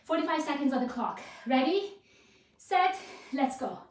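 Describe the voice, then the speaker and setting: This woman's voice is high-pitched and animated, at normal speed, as she instructs a live fitness class with encouraging urging, short commands and counts. Slight background noise is present. The microphone is distant, leaving a roomy echo.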